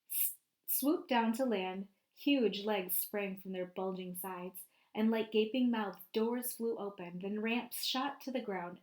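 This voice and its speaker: With an expressive delivery, a woman teacher reads a picture book to little kids and often prompts them with questions. She speaks on the high side.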